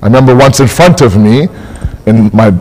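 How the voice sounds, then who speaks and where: A man's voice: mid-range voice, moderate pace, a little mellow. A man who grew up in Canada giving a conversational religious lecture to a congregation in a mosque hall, often repeating words as he searches for phrasing.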